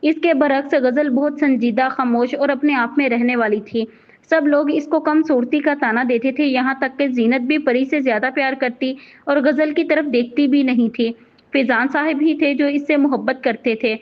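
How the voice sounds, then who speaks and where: A woman narrating a novel in a steady, even storytelling voice. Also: high-pitched, moderate pace. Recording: dull lo-fi recording.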